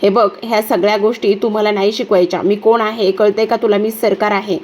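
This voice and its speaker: A woman's voice: medium pitch, steady tone, fairly quick, a little mellow, lightly acted. A woman reading out a bossy, domineering woman. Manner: bossy, scolding. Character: domineering woman called Sarkar, arrogant and loud.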